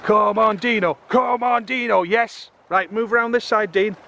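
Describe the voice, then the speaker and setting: A middle-aged man chatting excitably to his viewers while magnet fishing outdoors in a river, filmed on a camera. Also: high voice, normal speed, creaky, dull audio, a little hiss or hum. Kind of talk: casual outdoor commentary. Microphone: camera on a tripod or handheld.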